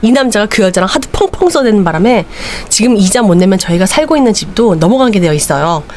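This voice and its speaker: A woman hosting a late-night live show, casually retelling a story and acting out the characters' lines with sudden shouts. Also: medium pitch, fast talker, slight background noise. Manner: animated, voices each character with sudden shouts. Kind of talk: casual storytelling with acted-out quotes.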